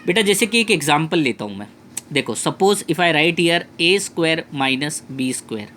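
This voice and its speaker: A male math tutor with an Indian English accent, teaching a lesson and repeating key phrases slowly to his students. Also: fairly high pitch, lively intonation, pushed and bright, a little hiss or hum. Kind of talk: classroom lesson.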